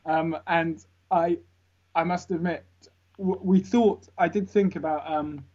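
A man's voice: a little high, fairly even intonation, measured pace, a little mellow. A man, a guest voice actor chatting casually in an interview, jokey and rambling, laughing often. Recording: lo-fi internet call audio.

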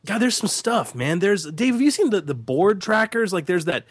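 Animated chuckling man in dry close sound. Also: sits high, normal speed, breathy edge, no room sound. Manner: animated, chuckling storyteller with many fillers. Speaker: podcast co-host. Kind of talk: casual tabletop gaming chat.

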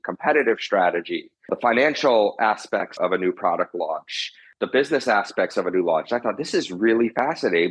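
A low-pitched, husky man speaks as an interview guest, explaining business matters. The sound is dull and lo-fi. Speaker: interview guest, marketing executive.

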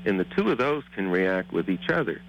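A male professor explaining his research as an interview guest, in a measured, methodical, academic way. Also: low voice, very animated, gravelly, dull audio.

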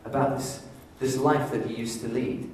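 A man preaching a sermon, telling a Bible story in a lively storytelling way and voicing the inner thoughts of its people. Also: medium pitch, moderate pace, very echoey, distant mic, a little hiss or hum, rough recording.

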